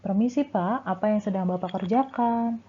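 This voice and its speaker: A woman's voice: a little high, extremely slow, slightly rough, voice pushed up, heavily acted. A woman reading aloud the part of a curious schoolchild asking a gardener questions, with an eager rising lilt. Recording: tinny phone-like sound.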